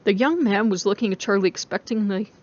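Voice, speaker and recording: A woman with a medium-pitched voice narrates a story as a dramatic reading. The recording sounds somewhat muffled and lo-fi. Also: a little fast, a little mellow.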